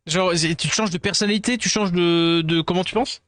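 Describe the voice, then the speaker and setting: A rambling, self-deprecating streamer from France who sounds tired. He chats casually with his viewers and slips English words into his talk. His voice sits fairly high, and the sound is dry and close. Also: normal speed, fairly bright tone, no echo.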